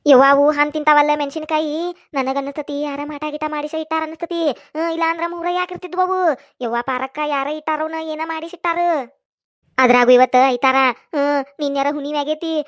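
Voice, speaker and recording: Lady voicing a chattery village gossip in a cartoon, squeaky high, north karnataka accent, theatrical. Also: fairly even intonation, brisk, no room sound, studio quality, lightly acted. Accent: North Karnataka Kannada. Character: excitable village woman gossiping with her neighbour.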